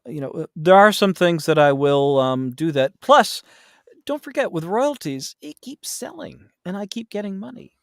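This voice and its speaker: Gravelly and pitched high, his voice has lively intonation and moves at normal speed. As a podcast guest who works as a voice actor and audiobook narrator, he explains himself in a halting, self-correcting manner during a relaxed interview. Studio sound is clean with no echo.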